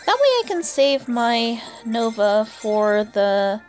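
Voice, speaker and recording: Her sing-song, highish voice moves at a slow pace as she plays and hosts, chatting casually and talking to herself and the game's characters. It's an indoor voice-over with faint game music behind.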